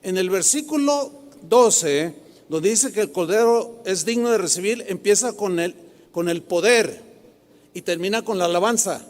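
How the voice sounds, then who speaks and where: High-voiced Mexican pastor preaching in a hall. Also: male voice, unhurried. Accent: Mexican Spanish. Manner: animated, asks the crowd questions, confrontational. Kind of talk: sermon. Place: large hall with a live congregation. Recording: long hall reverb.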